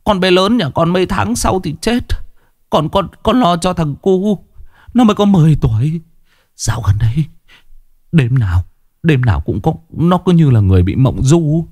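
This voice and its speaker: A man's voice: fairly low pitch, big pitch swings, slow, dark tone, no room sound, studio quality. A man doing a stammering, panicked rich man. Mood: panicked pleading. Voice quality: stammering, tearful pleading. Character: terrified wealthy middle-aged man pleading, stammering.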